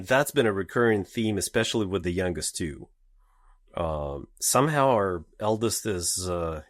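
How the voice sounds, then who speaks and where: Low-voiced man telling a family story. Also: no echo, studio quality. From Russia. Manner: hesitant, many fillers and restarts. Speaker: podcast guest. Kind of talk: casual podcast conversation.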